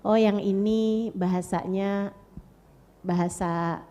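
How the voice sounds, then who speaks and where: A woman's voice: medium pitch, steady tone, slow, warm tone. A woman preacher giving a religious talk to mothers, speaking directly to her listeners, repeating phrases for emphasis and acting out little dialogues. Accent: Indonesian. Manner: direct, addresses listeners as "you" and "Bu". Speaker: Islamic preacher.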